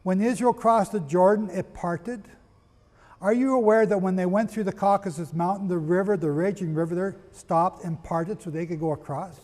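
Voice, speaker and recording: A man giving a sermon-style history lecture, firing rhetorical questions at his listeners, spelling out names and rushing to get through it. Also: sits high, fairly even intonation, a little mellow, big-room sound. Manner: asks the audience rhetorical questions; rushes, apologizes for talking fast. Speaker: preacher.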